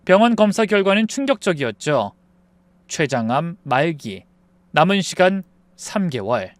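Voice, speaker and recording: Male storyteller, high pitch, earnest and steady; dry close-mic read. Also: a little slow, no room sound. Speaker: story narrator. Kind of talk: scripted first-person story narration.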